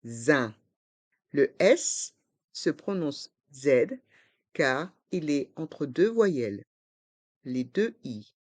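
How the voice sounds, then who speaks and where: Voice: mid-range voice, very animated, a little mellow, dry recording. Pronunciation tutor, drills words at a crawl, dry close sound. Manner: repeats each word slowly and spells out letters. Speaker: French pronunciation teacher.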